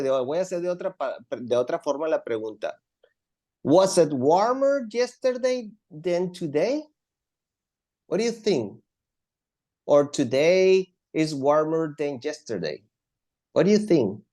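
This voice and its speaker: A man's voice: a little high, sing-song, takes it slowly, long pauses, dark tone. A man teaching English comparatives in an online class, switching between languages and patiently repeating words for his students.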